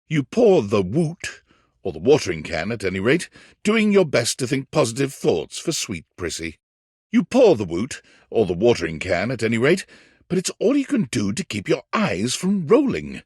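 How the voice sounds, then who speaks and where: A whimsical video game storybook narrator delivers scripted second-person narration in a husky voice. He sounds theatrical, wry yet tender, with lively pitch and carefully weighed phrasing at a moderate pace. The recording is very dry and close, without echo.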